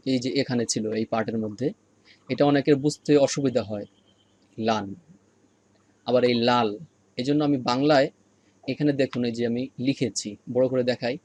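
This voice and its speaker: A man teaching an online Quran reading lesson, patiently repeating each sound slowly for practice. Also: medium pitch, steady tone, darkish tone.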